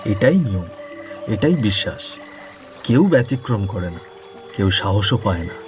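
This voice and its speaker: A man's voice: lowish voice, sing-song, measured pace, a little mellow, soft background music. A man narrating a village folk story for a cartoon in a descriptive, atmospheric storytelling manner.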